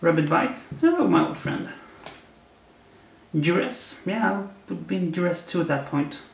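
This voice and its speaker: A man unboxes cards on video, animated and high-pitched yet a little slow, with a creaky voice and wry puns for each card. The new apartment is indoors and not yet furnished, so the bare room echoes, with faint noise present.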